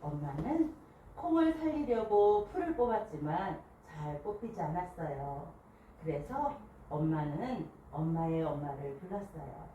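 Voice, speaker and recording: Lively woman reading a picture book aloud. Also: deep voice, measured pace, muffled recording. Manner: expressive storytelling, asks listeners questions. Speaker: picture book reader at a book club. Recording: echoey room, distant mic, faint hiss.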